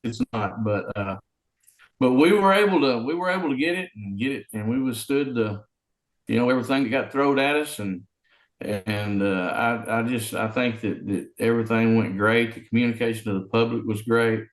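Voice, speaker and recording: A man who works as a city public works official, speaking in an interview over a remote conference call that keeps breaking up. He talks haltingly, with lots of fillers and restarts. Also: mid-range voice. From Arkansas. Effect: remote conference call audio that breaks up. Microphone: video call. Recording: roomy sound over a breaking-up call line.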